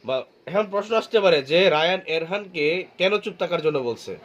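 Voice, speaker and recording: A man with a Bangladeshi Bengali accent teaching a class, slowly repeating words and asking students questions. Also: a little high, animated, a bit bright. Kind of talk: class lecture.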